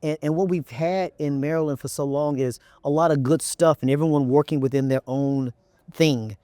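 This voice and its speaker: A chief executive from Texas, middle-aged and American-accented, answers as a guest on an indoor event interview set, repeating phrases to drive points home. He talks at a normal speed in a fairly high, dark-toned, steady voice, captured dry on a lapel mic.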